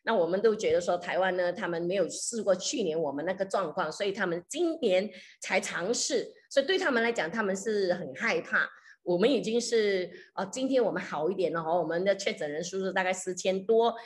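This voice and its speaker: A woman's voice: mid-range voice, animated, a little fast. Woman pastor, chatty sermon voice. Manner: conversational, mixes in English phrases; frequent hesitation fillers. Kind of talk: sermon with storytelling.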